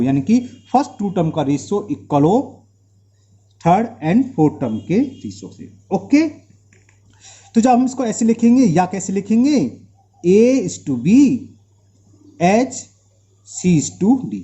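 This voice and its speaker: A man with an Indian accent teaches a maths lesson in a high, very animated voice that is dark in tone and measured in pace. He asks the class rhetorical questions and drills terms by repeating them. Mouth sores give him slight trouble speaking.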